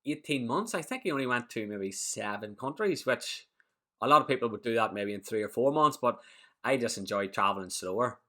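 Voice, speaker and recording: A man's voice: medium pitch, brisk. Laid-back young Irish man. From Ireland. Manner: relaxed, easygoing, laughs often. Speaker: guest. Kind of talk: casual interview chat.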